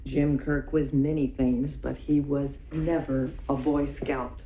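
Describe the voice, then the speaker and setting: Firm motherly scientist, low voice, noisy film audio. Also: little pitch movement, takes it slowly, mellow.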